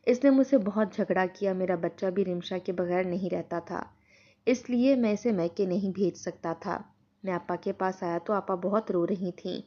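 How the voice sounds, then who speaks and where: A woman narrating a first-person moral story in a steady, earnest storytelling tone. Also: mid-range voice, dull audio.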